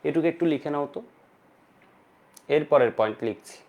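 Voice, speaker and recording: Fast-talking man teaching chemistry. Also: a little high, muffled recording. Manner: asks questions and answers them himself, repeats key terms; mixes English terms into his speech. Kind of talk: online lecture to students.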